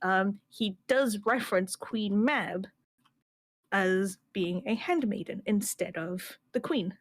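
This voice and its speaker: A woman's voice: mid-range voice, takes it slowly. A woman with a Scottish accent chatting casually on a stream, explaining things at length and laughing easily. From Scotland. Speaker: streaming guest. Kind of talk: casual chat.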